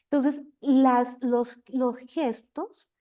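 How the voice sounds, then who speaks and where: An older woman with a Colombian accent, sharing her experience expressively at a recovery group talk, sometimes speaking loudly. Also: high-pitched, extremely slow. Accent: Colombian Spanish. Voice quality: talks loudly at times. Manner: expressive, addresses listeners as companions.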